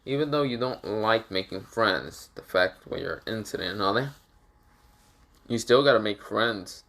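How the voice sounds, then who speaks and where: A man playing a calm older village leader. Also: lowish voice, unhurried. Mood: stern.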